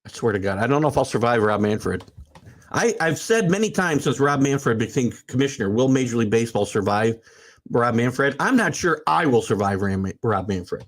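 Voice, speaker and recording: A sports talk show host in his sixties reads viewer comments on a livestream, his medium-pitched voice moving at a normal speed. He rambles with lots of fillers and restarts, then grows animated and works himself up into emphatic rants.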